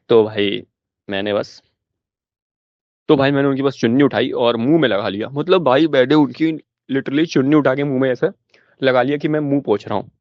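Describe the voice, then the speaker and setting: A young man doing stand-up comedy, telling a school story in an animated way and laughing along with it. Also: medium pitch, no echo, dull audio.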